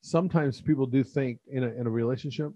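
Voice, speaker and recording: A man's voice: mid-range voice, fast talker, dry recording, highs cut off. Wry, joking man podcast host. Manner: joking, swears, wry deadpan asides. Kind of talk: casual chat.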